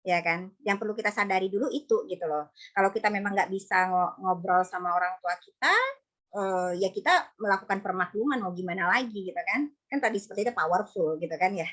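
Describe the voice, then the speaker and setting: A woman's voice: medium pitch, quick pace, a bit bright. Indonesian woman psychologist, chatty parenting advice. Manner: conversational, acts out mother-child dialogue. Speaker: psychologist speaker. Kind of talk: parenting talk in an online study session.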